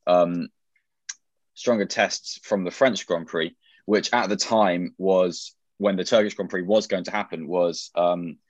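A man's voice: low voice, steady tone, unhurried, no room sound. A man co-hosting a casual chat, wry and opinionated, with plenty of "um"s. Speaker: podcast co-host. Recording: dry, dull lo-fi sound.

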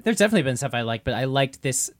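A podcast host in a casual music discussion, relaxed and agreeable, introducing tracks. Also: mid-range voice, very fast, no room sound.

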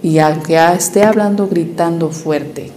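A woman giving earnest family advice to her listeners, acting out the voices she quotes and changing her loudness for emphasis. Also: lowish voice, measured pace, a little hiss or hum. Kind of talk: motivational talk to listeners.

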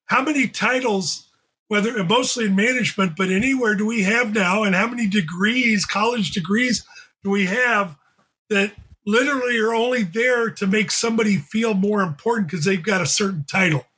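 A man's voice: high voice, normal speed, pushed and bright, husky, rough recording. A man in his seventies hosting a podcast, talking casually and joking as he asks pointed questions. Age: 70s. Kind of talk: casual chat.

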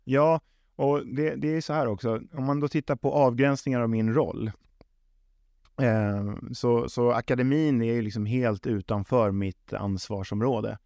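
A man's voice: mid-range voice, steady tone, darkish tone, no room sound, clean studio sound. A man answering interview questions in a conversational way, often repeating and rephrasing words as he reasons things through. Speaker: football club sporting executive, interviewee.

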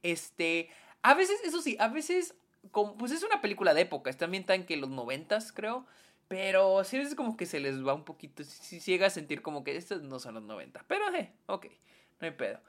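A woman with a Mexican accent giving a casual film review, slangy and animated, with many filler words. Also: mid-range voice, a little fast.

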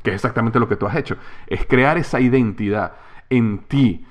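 A man's voice: mid-range voice, normal speed, dull audio. A man hosting a podcast, talking in an emphatic, repetitive way in a casual interview conversation. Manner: emphatic, repetitive, animated storytelling. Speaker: podcast host.

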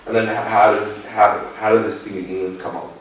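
A young Australian man hosting a podcast, chatty, swearing freely and firing off quick agreements. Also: on the low side, steady tone. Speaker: podcast host. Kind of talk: casual chat. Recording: echoey room, distant mic.

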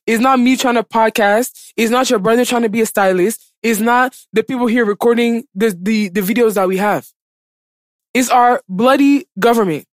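A woman's voice: on the high side, no room sound. Casting: woman podcast host, impassioned and conversational, emphatic repetition, very dry recording. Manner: emphatic, repeats phrases for stress. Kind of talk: impassioned casual podcast talk.

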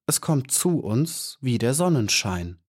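A man reading an audiobook and voicing a wise male flower elf who speaks calmly and earnestly. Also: mid-range voice, slow, husky, full character voice. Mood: serene. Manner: calm and earnest.

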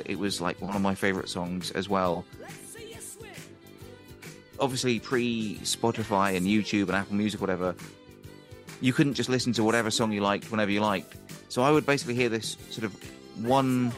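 A man's voice: lowish voice, fairly bright tone. A man telling a rambling, chatty story as a podcast guest, laughing often. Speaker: guest musician and ukulele teacher. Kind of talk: casual storytelling.

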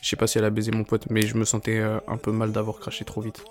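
A man's voice: fairly low pitch, monotone, fast talker, music in the background. A young man telling a crude story casually, in slangy rambling talk full of fillers.

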